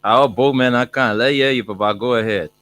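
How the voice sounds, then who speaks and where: A man hosting a casual call-in radio show, brisk and jokey with many fillers. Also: medium pitch, a bit bright, smooth.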